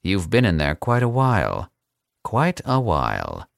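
A man's voice: low-pitched, wildly swooping pitch, no echo, clean studio sound, exaggerated voice. Man playing a suave, cold older captor. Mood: condescending. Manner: smooth, unhurried and condescending.

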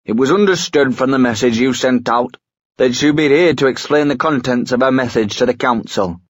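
A man voicing a stern, blunt old man with a hoarse Yorkshire accent in an audiobook. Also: medium pitch, normal speed, no room sound, voice pushed up, natural voice. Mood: demanding.

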